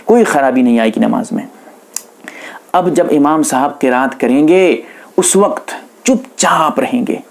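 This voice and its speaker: A man's voice: on the high side, darkish tone. A male Islamic scholar with an Indian accent explains prayer rules to his audience. He talks patiently and methodically, restating each instruction several times for emphasis. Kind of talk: religious instruction lecture.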